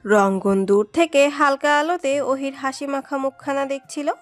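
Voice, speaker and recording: A woman narrates a romantic story with an expressive, dramatic reading. Her voice sits high, and soft music plays underneath. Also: normal speed. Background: soft background music.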